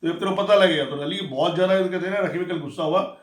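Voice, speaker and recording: Guy talking quick and high, retelling the whole episode, echoey room. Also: very noisy. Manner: rapid, animated retelling, acting out quoted lines. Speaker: reality show recap narrator. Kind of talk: casual spoken episode recap.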